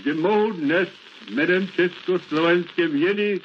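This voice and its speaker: A man in his nineties giving a formal, solemn radio address, heard from an old archival radio recording. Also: high voice. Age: 90s. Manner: slow, solemn, measured delivery. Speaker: inventor giving a radio greeting. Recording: dull, noisy 1930s archival radio recording.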